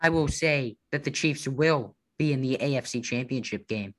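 A man's voice: medium pitch, normal speed. A man co-hosting a casual sports podcast, joking around, making puns and teasing his co-host. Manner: playful, jokey, punning, teasing.

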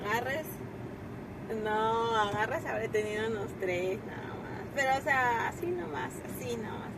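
Young woman, high voice, giggly, teasing, casual chat, loud street noise. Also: lively intonation, measured pace. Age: young adult. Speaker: friend chatting. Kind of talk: casual chat between friends.

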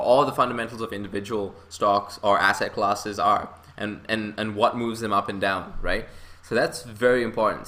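A young man hosts a casual podcast about investing. His voice sits a little low but comes across bright and forceful. He rambles from point to point and keeps chuckling as he goes. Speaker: podcast host.

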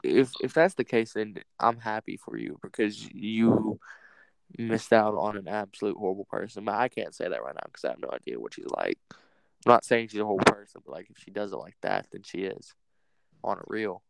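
A man's voice: lowish voice, expressive, a little fast, creaky, low-quality recording. A man hosting a casual podcast chat, rambling in a laid-back way and saying "bro" and "like" a lot. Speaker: podcast host.

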